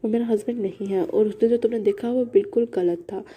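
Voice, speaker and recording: A woman voicing an earnest young married woman explaining a misunderstanding, in her own husky voice. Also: medium pitch, steady tone, fairly quick, dark tone, close to an everyday voice.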